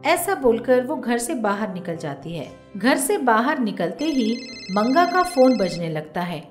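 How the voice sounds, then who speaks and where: A woman narrates a cartoon storybook in a high, very lively voice. A roomy echo surrounds her, and faint music plays underneath. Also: measured pace. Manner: expressive, storytelling.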